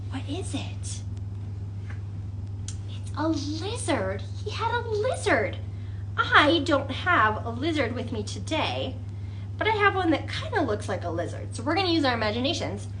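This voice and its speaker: A librarian leads an interactive storytime for children, speaking animatedly with exaggerated wonder and coaxing questions. Her voice sits high and unhurried, though the audio is poor, with a little hiss or hum.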